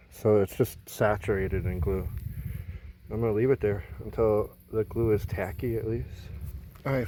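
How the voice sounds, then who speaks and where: A man's voice: mid-range voice, mellow. A man casually narrating his vlog outdoors on a houseboat, explaining a repair while he works. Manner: easygoing, explains while working with his hands. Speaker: vlogger.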